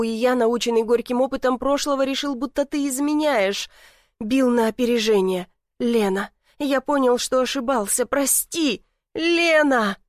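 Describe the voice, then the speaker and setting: A woman's voice: fairly high pitch, darkish tone, dry recording, studio quality, lightly acted. A woman reading a pleading remorseful man. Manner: emotional pleading. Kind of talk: audiobook character voice.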